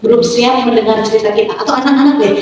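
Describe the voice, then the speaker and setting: High-voiced woman coaching teachers in a hall. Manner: lively, drawn-out stressed words, asks the audience. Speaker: storytelling coach. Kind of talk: teacher workshop talk. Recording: echoey hall, far from the mic, crowd noise.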